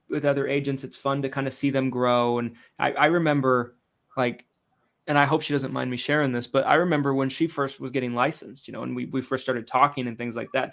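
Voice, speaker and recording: A man co-hosting a casual chat, speaking in a rambling way with many pauses and fillers. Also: medium pitch, fairly bright tone.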